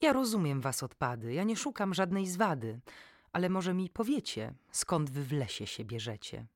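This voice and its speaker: Tearful little bee pleading in rhyme, a lady reading it, lively up and down voice. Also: low voice, normal speed, no room sound, clean studio sound, exaggerated voice. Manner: pleading, rhyming lines. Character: small worried female bee, tearful.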